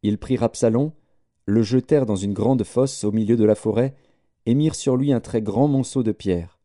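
A man reading scripture aloud in a measured, solemn way. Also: mid-range voice, mellow, no echo, studio quality. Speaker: scripture reader.

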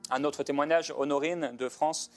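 A man's voice: a little high, steady tone, faint music behind. Fervent rambling pastor man. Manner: fervent, rambling, with many filler pauses and restarts. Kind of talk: informal ministry talk to viewers.

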